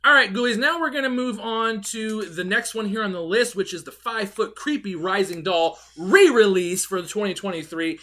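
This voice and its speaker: A man hosting a video show, giving gushing, excitable product commentary. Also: high-pitched, moderate pace, hardly any pauses. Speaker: host of a Halloween animatronic video show. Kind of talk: enthusiastic product commentary with read-out descriptions.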